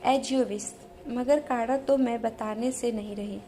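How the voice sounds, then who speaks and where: A woman's voice: on the high side, fairly even intonation, slow, warm tone, a little hiss or hum. Defiant young college woman, read by a woman. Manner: cool, defiant.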